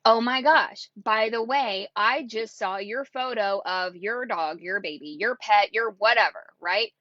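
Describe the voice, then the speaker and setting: A woman giving casual sales coaching in an excitable, chatty way. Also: mid-range voice, measured pace, no room sound, lo-fi sound. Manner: excitable and chatty, acts out quotes. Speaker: network marketing coach.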